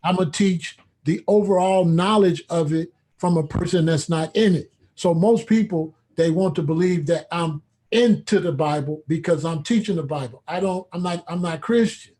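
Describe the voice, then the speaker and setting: A man's voice: a little high, normal speed, few pauses, warm tone. A man speaking as the guest on a call-in talk show, in blunt street slang and with emphatic, preachy conviction.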